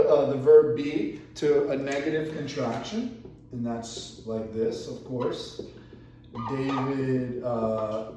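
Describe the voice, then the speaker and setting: A man's voice: a little high, mellow, recorded from a distance, a little hiss or hum. A man teaching an English grammar lesson, explaining patiently step by step with repeated examples. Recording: echoey room, voice from off-mic.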